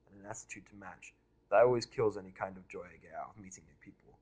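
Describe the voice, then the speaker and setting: A man's voice: deep voice, fast talker, darkish tone, slightly rough. A man in his thirties giving a casual first-person reading of fan fiction, with the odd curse word. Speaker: audiobook reader.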